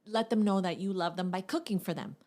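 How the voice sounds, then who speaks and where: A woman co-hosting a podcast in casual chat, playful and quick to jump in with laughs. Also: medium pitch, darkish tone. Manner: playful, interjecting, laughs easily. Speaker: podcast co-host.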